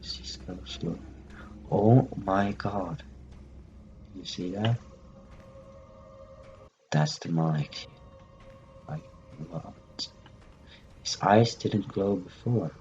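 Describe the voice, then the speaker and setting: A man with a lowish voice talks slowly through his gameplay as a let's-play host, repeating himself when nervous and talking back to the characters on screen. Clear game music plays behind him. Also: darkish tone, lo-fi sound. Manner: jumpy, repeats phrases to himself. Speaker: gaming channel host.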